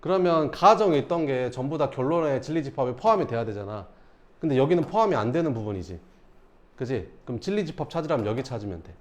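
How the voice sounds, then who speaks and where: A male math teacher giving a casual classroom lecture, often pausing to check that students follow. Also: medium pitch, expressive, a little mellow.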